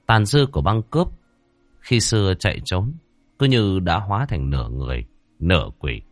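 A man reading a ghost story as scripted narration, slow and dramatic. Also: sits low, no echo.

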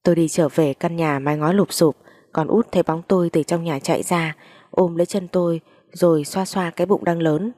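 Low mellow female storyteller. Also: fairly even intonation, fairly quick. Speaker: audiobook reader. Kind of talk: first-person story narration.

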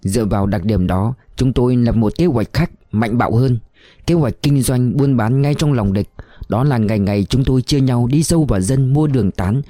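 A man reading a war novel aloud in steady, measured narration. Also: mid-range voice, no echo, studio quality. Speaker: audiobook reader.

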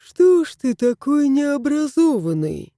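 A woman voicing a lazy, smug, spoiled male house cat in a storybook, drawling slowly. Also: high-pitched, sing-song, mellow, no echo, studio quality, voice pushed up, exaggerated voice.

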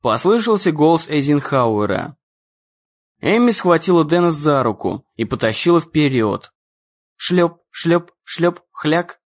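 A man narrating an adventure audiobook in an expressive storytelling reading. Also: a little high, takes it slowly, lo-fi sound.

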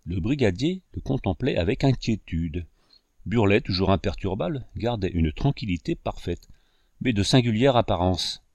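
Male audiobook reader, low voice, dry close recording, measured storytelling. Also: expressive, darkish tone, no room sound. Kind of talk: scripted narration.

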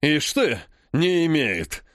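A man voicing a grumbling old grandfather, the head of a noble clan, who speaks slowly and scolds. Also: a little high, very animated, fairly bright tone, no room sound, clean studio sound, full character voice. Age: over 60. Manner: slow, grumpy, scolding.

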